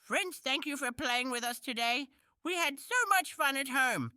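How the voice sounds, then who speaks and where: Woman voicing a cheerful cartoon kitten, high bright voice, slow sing-song to toddlers. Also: no echo, studio quality. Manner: slow, sing-song, talks to small children. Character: cheerful young male kitten host. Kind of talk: preschool cartoon voice.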